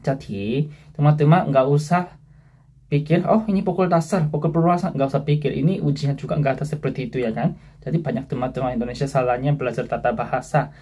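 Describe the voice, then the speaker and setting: A man from South Korea with a Korean accent gives a casual, friendly language lesson. He says words slowly and repeats them for learners. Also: mid-range voice, fairly even intonation, mellow, breathy edge. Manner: friendly, addresses viewers as friends.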